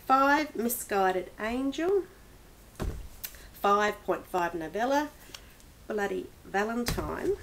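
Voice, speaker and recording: A woman's voice: mid-range voice, a little hiss or hum. A woman reviewing books in a casual, rambling vlog, with many restarts and small laughs. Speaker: book vlogger. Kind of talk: casual book review chat.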